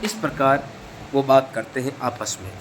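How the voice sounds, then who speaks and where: A man's voice: mid-range voice, normal speed, background noise. A man teaching a lesson, reading each phrase and then explaining it line by line. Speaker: Sanskrit teacher.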